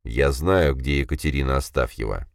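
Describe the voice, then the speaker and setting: A hooded stranger from another world speaks in a low, deliberate murmur, played by a male reader. His voice sits very deep, with dry, close sound and no room around it. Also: vocal fry, no room sound. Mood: calm. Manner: quiet, measured, slow. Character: mysterious hooded male otherworldly guide.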